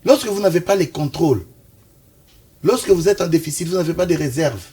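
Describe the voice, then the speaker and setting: With a fairly high, mellow, slightly rough voice and lively intonation, this Kinshasa-born commentator speaks a little fast. He presses his political analysis on a talk-show panel and resists interruptions firmly.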